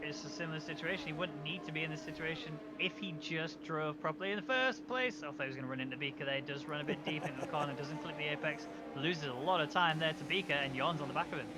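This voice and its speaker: A man giving live sim racing commentary as a motorsport commentator, with excitable calls. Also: fairly high pitch, quick pace, few pauses, very noisy.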